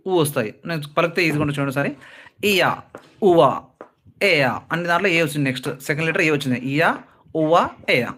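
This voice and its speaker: A man's voice: a little high, sharp tone. A man teaching English phonetics for exams, patiently repeating sounds and example words and mixing English terms into his talk. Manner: mixes English terms into Telugu speech. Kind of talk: exam-prep lesson with slides.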